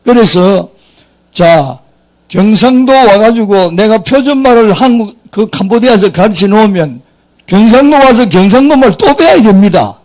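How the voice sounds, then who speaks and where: A man's voice: sits high, animated, normal speed, a little mellow. An older man, a pastor with a Gyeongsang Korean accent, preaching a sermon in a folksy, jokey storytelling way.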